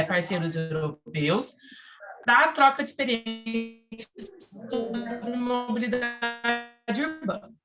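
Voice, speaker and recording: A Brazilian woman presenting in an online meeting, her voice coming through corrupted, glitchy video call audio that cuts in and out, speaking in a measured, halting way with filler pauses. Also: on the high side. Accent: Brazilian Portuguese. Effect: corrupted glitchy audio cutting in and out. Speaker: project presenter.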